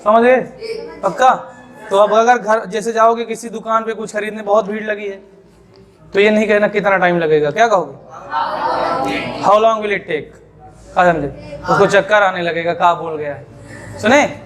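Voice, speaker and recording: High-voiced man drilling an English class. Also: normal speed, crowd noise. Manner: drills students with repeated questions. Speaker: English teacher. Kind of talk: classroom spoken-English lesson in Hindi.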